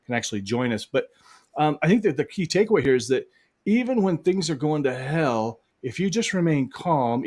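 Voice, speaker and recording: Over a video call, a man co-hosts a live online hypnosis show, chatting casually in a rambling way full of restarts and fillers. His voice is mid-range and a bit mellow.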